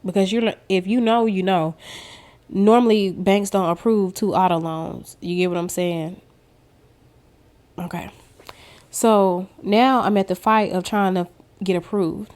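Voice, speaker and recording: A woman's voice: mid-range voice, fairly even intonation, normal speed, a little mellow. A woman vlogger giving a casual personal testimony, talking straight to her viewers as she tells her story. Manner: chatty storyteller who addresses viewers directly. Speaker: faith vlogger.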